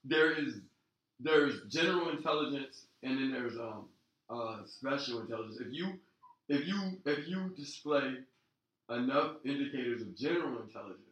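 A man's voice: medium pitch, moderate pace, a bit bright, distant mic. A middle-aged man from Florida, talking casually and explaining his points at length. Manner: talkative, argues with long explanations. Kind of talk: casual podcast banter. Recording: echoey room, off-mic.

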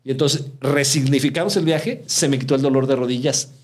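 A man's voice: medium pitch, brisk. Slangy Mexican man telling stories. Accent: Mexican Spanish. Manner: slangy, animated, acts out quoted dialogue. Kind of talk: casual storytelling chat.

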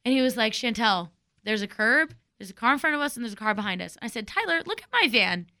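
A woman in her thirties chatting casually as a co-host, retelling a story with animated, dramatic flair. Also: on the high side, quick pace, clean tone. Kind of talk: casual chat.

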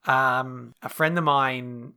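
A man's voice: medium pitch, fairly even intonation, takes it slowly, bright, forceful tone. A man co-hosting a casual sports podcast, teasing and playful, sounding just woken up. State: just woke up. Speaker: podcast co-host. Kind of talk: casual chat.

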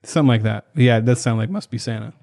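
A man's voice: mid-range voice, fast talker, vocal fry, mellow. A man co-hosting a podcast in casual, comedic chat, joking, laughing often and singing short snippets. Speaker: podcast co-host.

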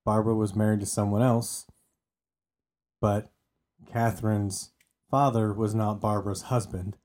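Casual podcast co-host, male, mellow tone, chatty and given to restarts. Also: on the low side, flat delivery, unhurried. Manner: chatty, often repeats words while restarting. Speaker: podcast co-host telling the story. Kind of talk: casual true-crime podcast storytelling.

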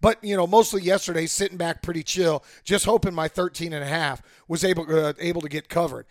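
Hoarse, high-pitched male sports podcast host. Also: steady tone, a little fast, no room sound, studio quality. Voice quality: hoarse, worn voice. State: hoarse voice from a cold and yelling. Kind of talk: opinionated football commentary.

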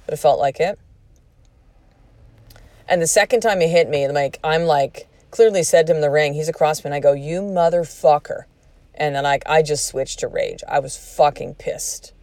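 A woman's voice: sits low, no echo. A woman in her forties, a podcast host telling a personal story in a candid, profane way, acting out what people said. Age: 40s. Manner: candid and profane, animated retelling with quoted speech.

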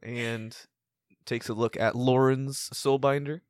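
A man's voice: medium pitch, steady tone, slow, a little mellow, no room sound, studio quality. A man acting as game master, narrating an improvised tabletop game in a casual way.

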